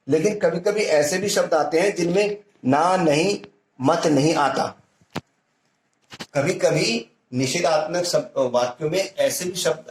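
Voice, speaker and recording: Male teacher, grammar lesson, fairly high voice, echoey room, checks students often. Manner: explains with spoken examples and checks "ठीक है ना".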